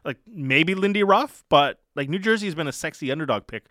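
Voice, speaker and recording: An animated man hosts sports talk radio in a bright, forceful voice. His pitch sits a little high and moves around a lot as he chats. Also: fairly quick, dry recording, clean studio sound.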